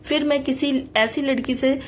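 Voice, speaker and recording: A woman's voice: high voice, fairly even intonation, moderate pace, slight background noise, natural voice. A woman voicing an exasperated young man who answers his girlfriend dryly and firmly.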